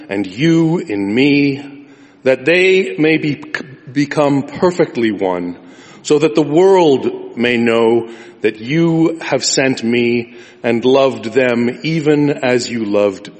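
A male pastor leading a liturgy and reading the gospel in a slow, solemn, drawn-out manner, with cathedral echo. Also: medium pitch. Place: large church sanctuary. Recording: long reverb of a large church.

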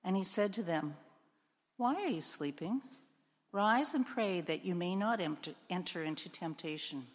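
A woman's voice: on the low side, moderate pace, hardly any pauses. A woman giving a solemn, formal liturgical gospel reading in a large, echoing church. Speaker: gospel reader, clergy. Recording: cathedral-like echo, long church reverb.

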